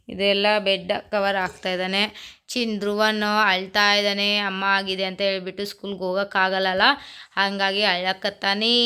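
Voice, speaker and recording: Bright-voiced mother vlogging at home. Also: mid-range voice, clean tone. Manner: soothing and coaxing toward a sick child, repeats herself. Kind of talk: casual home vlog.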